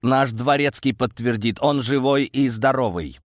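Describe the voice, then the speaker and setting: A man voicing a spiteful sick old man who speaks slowly in a hoarse, snarling voice. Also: medium pitch, no echo, studio quality, pitched above the performer's own voice, natural voice.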